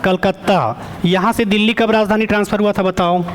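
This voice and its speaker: A male teacher giving an online exam-prep lecture. He keeps quizzing the students for answers, often stops to check with a quick "okay", and corrects himself as he goes. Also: high voice, steady tone, a little hiss or hum.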